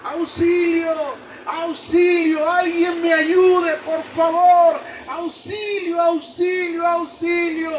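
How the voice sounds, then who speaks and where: A man's voice: very high voice, level tone, extremely slow, few pauses, voice pushed up, full character voice. A man voicing a stranded male climber who is desperately pleading for help. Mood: desperate shouting. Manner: shouting, pleading. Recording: distant mic, noisy background.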